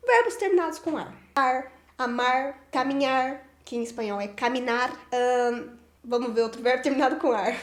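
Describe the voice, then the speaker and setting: Brazilian woman, Portuguese native, Spanish teacher; high pitch, patient repetitive delivery, echoey room. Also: a little mellow. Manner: patient, repeats each form and ending slowly. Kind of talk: explaining grammar to learners.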